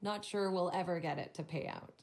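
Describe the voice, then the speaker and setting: A woman's voice: fairly low pitch, brisk, darkish tone, close to an everyday voice. A woman voicing a prim, formal hotel desk clerk in a video game who turns catty and gossipy.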